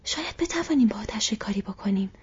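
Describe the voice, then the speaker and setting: A woman voicing a loyal, stubborn young male hobbit servant in an audiobook, breathy and earnest. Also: mid-range voice, lively intonation. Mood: determined. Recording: dull lo-fi recording.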